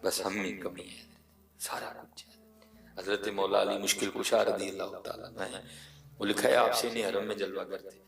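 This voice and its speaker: A man preaching an emotional sermon, telling a story and repeating phrases for emphasis, swinging from hushed to loud. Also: sits low, level tone, vocal fry, soft background music. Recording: echoey room, voice from far off.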